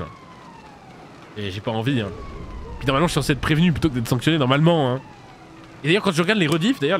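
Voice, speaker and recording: A man streaming a video game live, chatting casually with viewers and reacting loudly as he plays, laughing often. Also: high voice, a little hiss or hum. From France. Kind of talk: casual live gameplay commentary.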